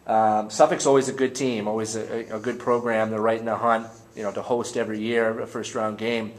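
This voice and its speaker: A man's voice: lowish voice, flat delivery, brisk. A man interviewing players at a postgame press conference, rambling and restarting his questions.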